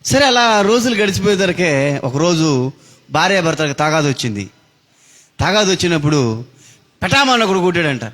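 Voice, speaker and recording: A man's voice: a little high, big pitch swings, moderate pace, pauses often, fairly bright tone. A man preaching a sermon, telling a story dramatically with big rises and falls in his voice. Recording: long reverb of a hall.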